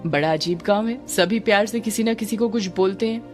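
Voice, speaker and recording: Storybook read-aloud: a woman voicing a scolding policewoman, stern, commanding, over soft music. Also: mid-range voice, a little fast, lightly acted. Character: stern angry female police officer.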